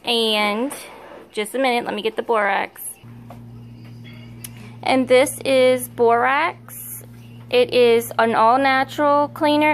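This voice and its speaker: A woman with a fairly high voice chats her way through a homemade how-to from her kitchen, rambling and correcting herself as she goes. She talks into a phone camera held over the stove. A faint hum of room noise sits behind her. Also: a bit bright. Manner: chatty, rambling, self-correcting. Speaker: home video maker. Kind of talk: casual how-to demonstration. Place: home kitchen, indoors.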